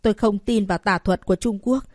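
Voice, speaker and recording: A woman voicing an angry, protective royal father who shouts at a doctor treating his daughter. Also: mid-range voice, quick pace, dry recording, clean studio sound, close to an everyday voice. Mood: pleading. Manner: shouting, indignant and urgent.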